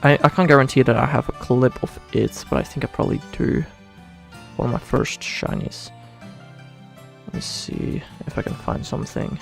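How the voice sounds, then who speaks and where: Speaking at an ordinary pace in a creaky, mid-range voice, a Dutchman rambles casually through a live stream over soft background music. He's self-deprecating, has a Dutch accent, and keeps restarting as he works through his thoughts out loud.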